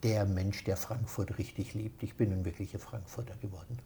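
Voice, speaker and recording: A man in his sixties with an Austrian accent, a guest in a casual interview who explains things at length in a relaxed, matter-of-fact way. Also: lowish voice, brisk, gravelly, slight background noise. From Austria, near Vienna. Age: 60s.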